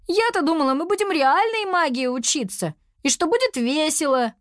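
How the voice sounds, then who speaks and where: Woman doing Tua, shrill excitable girl wizard. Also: normal speed, no echo, studio quality. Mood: excited. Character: impatient lively young girl apprentice wizard. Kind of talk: storybook character voice.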